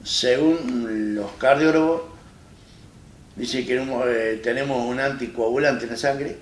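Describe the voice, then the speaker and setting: An Argentine man with a mid-range voice is an interview guest, recounting a personal story from an armchair on a small studio set. He uses Argentine Spanish and talks plainly and haltingly, with many restarts as he retells. The studio sound is roomy and distant, echoing, with a faint hiss.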